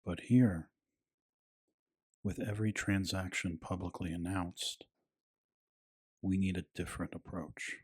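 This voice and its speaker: A man narrating a scripted bedtime piece in a hushed, soothing, soft-spoken ASMR style with a breathy voice. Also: low-pitched, fairly even intonation, a little slow, long pauses.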